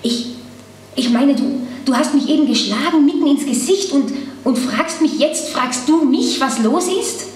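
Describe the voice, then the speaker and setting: A woman's voice: a little high, lively intonation, normal speed, close to an everyday voice. A woman reading aloud a bewildered young man who stammers and hesitates, in an echoey hall from a distance. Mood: agitated. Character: bewildered young man, gentle then upset. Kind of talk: literary reading.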